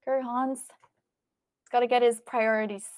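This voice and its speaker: A woman's voice: on the high side, level tone, a little slow, clean tone. An Australian-accented woman hosting a livestream, chatting casually and informally as she thinks aloud and responds to viewers. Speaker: livestream host. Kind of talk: casual livestream chat, reading and answering viewer messages.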